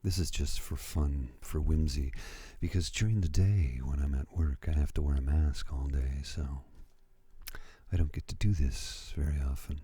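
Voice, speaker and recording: A man in his fifties speaking in a soft, breathy ASMR voice, slow and soothing, moving between whispering and murmuring close to a studio microphone. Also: very deep voice, no echo. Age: 50s. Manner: slow, soothing, hushed delivery. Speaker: ASMR host. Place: at home.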